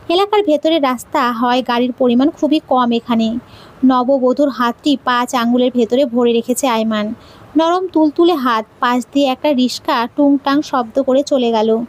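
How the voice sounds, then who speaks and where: A woman narrating a romantic audio story in a steady, expressive reading. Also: sits high.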